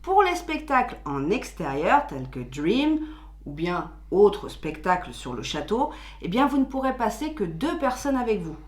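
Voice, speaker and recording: A woman co-hosting a theme-park channel chats casually, patiently explaining things with filler words. Her mid-range voice swings widely in pitch at a measured pace, in an echoey room.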